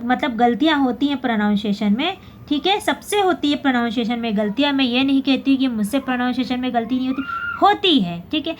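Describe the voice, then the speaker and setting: A woman teaching Hindi who explains pronunciation patiently, repeating words slowly and turning letters into little characters. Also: high voice. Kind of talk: classroom lesson explaining pronunciation.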